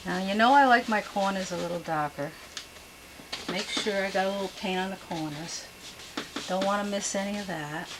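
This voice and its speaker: Gentle woman painting instructor, noisy recording. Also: medium pitch, normal speed. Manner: folksy, chatty asides with mild exclamations. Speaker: painting instructor and show host. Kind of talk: unscripted step-by-step painting demonstration.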